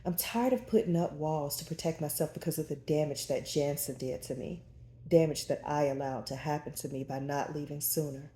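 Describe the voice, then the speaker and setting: Female narrator, low and dark-toned, intimate first-person romance reading; roomy echo. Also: brisk. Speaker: audiobook narrator.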